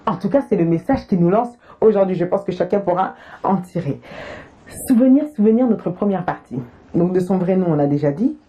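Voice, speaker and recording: A woman's voice: fairly low pitch, a little fast, a little hiss or hum. A woman hosting a television interview, posing questions and leading into segments. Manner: lively questioning, introduces segments. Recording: slightly dull sound.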